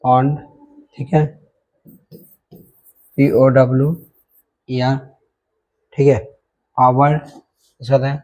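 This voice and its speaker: A man's voice: mid-range voice, little pitch movement, slow pace, long pauses, darkish tone. A man teaching an English grammar lesson, spelling words out letter by letter and checking in often.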